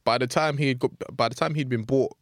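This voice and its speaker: Quick London roadman, dry studio sound. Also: medium pitch, no room sound. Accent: London, urban street. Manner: slangy roadman talk, insistent repetition. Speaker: football podcast panellist. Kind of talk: casual football banter.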